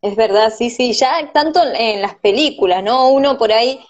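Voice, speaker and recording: A woman's voice: fairly high pitch, moderate pace. A woman hosting an interview, chatting and answering with frequent short agreements. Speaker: host. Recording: dull lo-fi audio.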